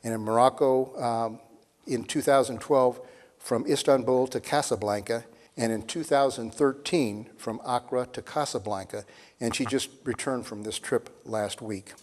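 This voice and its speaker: An older man, the moderator of a lecture series, reads a speaker's introduction from a sheet at a podium microphone in a measured way. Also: mid-range voice, darkish tone. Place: large hall with seated audience. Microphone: podium mic on a stand. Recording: long reverb in a hall.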